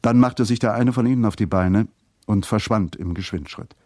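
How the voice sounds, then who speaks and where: Guy reading a story out, calm and measured, dry close sound. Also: on the low side, no room sound. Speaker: narrator. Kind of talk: scripted narration.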